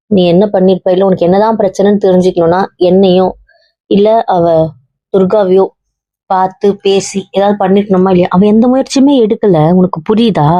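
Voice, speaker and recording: A woman's voice: mid-range voice, mellow, dry recording, lightly acted. A young woman acting as a blunt married woman who lectures and comforts her heartbroken cousin, always asking if he understands. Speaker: actor in a web drama. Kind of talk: web series drama acting. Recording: dull, muffled dry audio.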